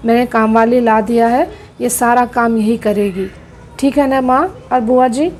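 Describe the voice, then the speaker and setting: A woman voicing a caring young husband who reasons calmly and firmly in a doll-play soap drama. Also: a little high, slight background noise, close to an everyday voice.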